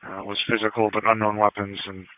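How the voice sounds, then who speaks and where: A man speaks through a police radio, his low voice squeezed into a thin, tinny band. He rattles off radio codes quickly and flatly, clipped and matter-of-fact. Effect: police radio transmission. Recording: tinny narrow radio channel.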